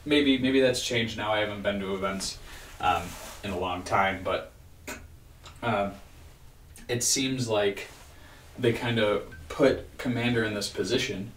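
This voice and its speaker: A man's voice: on the low side, slight background noise. Weary man ranting in an echoey room. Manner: weary, frustrated, halting with sighs and restarts. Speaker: vlogger. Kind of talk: casual rambling video-diary rant. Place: small home room with bookshelf, indoors. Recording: roomy echo, distant microphone.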